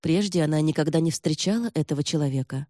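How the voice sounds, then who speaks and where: A woman narrating an audiobook in an even, measured way. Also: sits low, no room sound, studio quality. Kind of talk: scripted narration.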